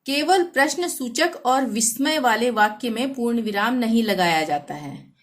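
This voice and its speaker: A woman teaching a Hindi grammar lesson, reading example sentences slowly and deliberately. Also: fairly high pitch, expressive.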